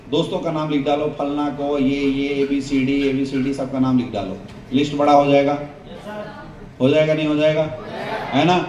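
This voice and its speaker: A man's voice: fairly high pitch, a little mellow. A man leading a seminar training talk, firing call-and-response questions at the audience in a joking way. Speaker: network marketing trainer. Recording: roomy echo, voice from a distance, faint hum.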